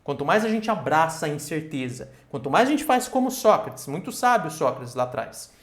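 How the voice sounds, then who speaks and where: A man's voice: on the high side, sing-song, moderate pace. A man giving a lecture, asking himself questions aloud and often checking in with his listeners. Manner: asks himself questions aloud and answers them. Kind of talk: recorded online lecture. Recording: roomy echo.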